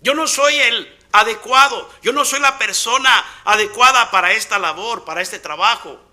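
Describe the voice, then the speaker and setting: A reluctant prophet pleads and whines his way out of the task, his voice high and bright, as a preacher acts him out in a sermon. The tone stays pleading and full of excuses. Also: normal speed.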